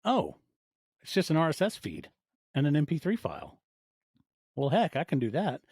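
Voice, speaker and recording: With a slightly high, darkish and husky voice full of huge pitch swings, a man in his forties tells stories at a moderate pace as a podcast guest. He's an audio fiction producer who acts out little quoted asides during the casual interview, recorded in clean studio sound with no room sound.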